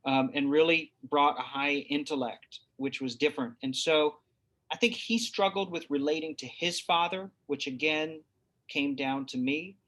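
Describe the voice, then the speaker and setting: A man's voice: fairly high pitch, steady tone, moderate pace, fairly bright tone. A man from New Hampshire speaking as an interview guest, searching for his words with frequent restarts. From New Hampshire, USA. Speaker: guest, father. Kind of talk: reflective interview talk.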